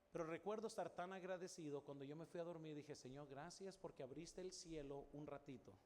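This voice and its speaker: A middle-aged man preaching a sermon, telling a personal story and dropping to a soft voice for quoted prayers. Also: fairly high pitch. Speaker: pastor. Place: large church hall. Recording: long church reverb, faint room noise.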